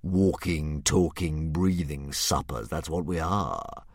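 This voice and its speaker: A man's voice: very deep voice, dry recording, clean studio sound, exaggerated voice. A man voicing a hissing, sneering giant dragon. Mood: menacing. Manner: slow, relishing, hissing menace. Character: huge, sneering, menacing philosophical male dragon.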